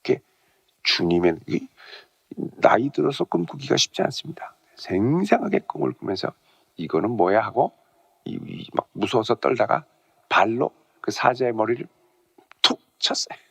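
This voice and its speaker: Animated Korean pastor with a gravelly voice. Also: male voice, medium pitch, moderate pace. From South Korea. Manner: animated preaching that drops to hushed, whispered asides. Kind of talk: sermon.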